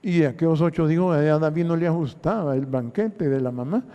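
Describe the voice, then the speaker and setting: Man, Honduran accent, pastor, sermon, fairly high voice, mellow tone, long hall reverb. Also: fairly quick, muffled recording. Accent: Honduran Spanish. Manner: preaching with frequent "mire", dramatizing Bible dialogue.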